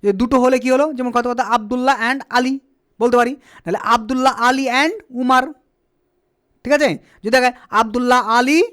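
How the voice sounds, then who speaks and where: A male teacher explaining grammar in a patient, repetitive way, asking questions and answering them himself, sometimes spelling words out slowly letter by letter. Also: very high voice, steady tone, fairly bright tone, clear, resonant tone. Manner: asks and answers his own questions. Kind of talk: spoken English grammar lesson.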